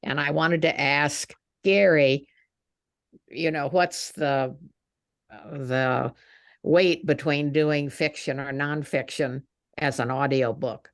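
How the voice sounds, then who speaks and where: Slow, gravelly-voiced woman. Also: low-pitched, steady tone, no echo, studio quality. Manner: slow, hesitant, many fillers. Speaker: nonfiction author. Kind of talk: asking questions on a video call.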